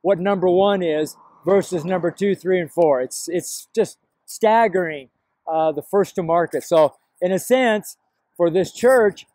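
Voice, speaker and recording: On a park path beside a road, a middle-aged to older American street preacher talks informally to the camera, rambling, emphatic, and repeating his phrases. His voice is high with a darkish tone, at a measured pace, and the recording is dry.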